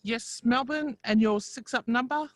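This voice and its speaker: A woman's voice: a little high, a little slow, no echo. A woman hosting a live bingo game, making set announcements and checking players' claims.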